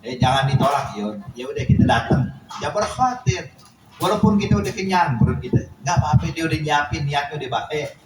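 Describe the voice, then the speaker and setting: Lively preacher in echoey hall. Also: male voice, on the high side, brisk. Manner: animated, acting out dialogue in the story. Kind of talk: sermon storytelling. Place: mosque or study hall. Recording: echoey hall, distant mic, noise.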